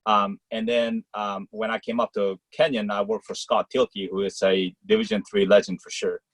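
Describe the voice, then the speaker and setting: A man's voice: on the low side, level tone, dry recording, rough recording. A man from Malaysia, a college tennis coach, answering interview questions casually with lots of fillers over a video call. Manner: talks in quick rambling clauses with many fillers.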